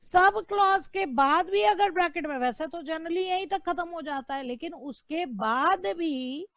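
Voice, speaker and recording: A woman's voice: very high-pitched, a little slow, a bit bright, dry recording, studio quality. An Indian woman teaching law in an online lecture, repeating terms, asking the class questions and answering them herself. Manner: checks in with "right?" and "clear?". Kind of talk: online exam-prep lecture.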